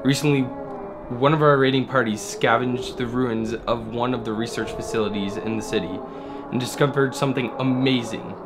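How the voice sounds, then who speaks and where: A man's voice: mid-range voice, fairly even intonation, moderate pace, lightly acted. An actor playing a grave man broadcasting an urgent message to survivors in a comedic short film. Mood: solemn. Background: music.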